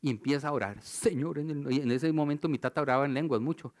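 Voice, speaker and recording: A man with a Costa Rican accent preaching a sermon, telling stories and asking rhetorical questions, moving between loud and hushed delivery. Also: on the high side, fast talker. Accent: Costa Rican Spanish.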